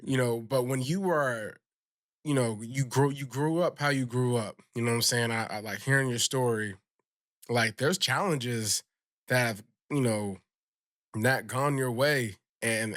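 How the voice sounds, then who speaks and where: A man hosting a podcast who laughs along, throws in quick quips, and asks the guest questions in a relaxed way. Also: medium pitch, dry recording, studio quality. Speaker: podcast host. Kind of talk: casual interview chat.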